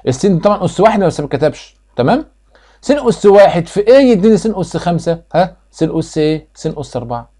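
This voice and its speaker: A man's voice: high voice, big pitch swings, fast talker, warm tone. A man with an Egyptian accent teaching a math review lesson, firing questions at students and answering them himself, repeating each step like a drill. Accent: Egyptian Arabic. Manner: quizzes students and answers his own questions.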